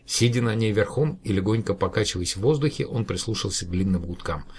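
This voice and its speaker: A man narrating an audiobook in a calm, even storytelling manner, with a husky voice. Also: lowish voice, fast, slight background noise.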